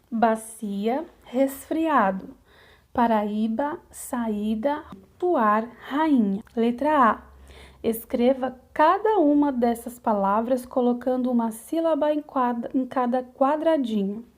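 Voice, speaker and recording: Slow, high-voiced Brazilian woman teacher. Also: a little mellow. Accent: Brazilian Portuguese. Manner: patient, explains step by step with frequent "né?" and "tá?". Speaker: primary school teacher. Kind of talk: recorded video lesson.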